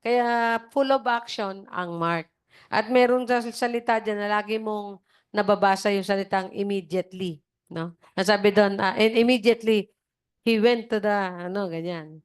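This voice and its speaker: A woman's voice: mid-range voice, fairly even intonation, normal speed, smooth. Woman, preacher, casual sermon, video call, conversational, acts out quotes.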